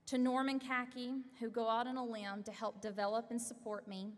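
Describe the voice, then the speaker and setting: A woman's voice: fairly high pitch, level tone, normal speed. A young woman giving an earnest, heartfelt acceptance speech as she receives an award, speaking in a large hall at an awards event. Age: young adult. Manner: earnest, heartfelt thank-yous read from notes. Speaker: award recipient. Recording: long hall reverb.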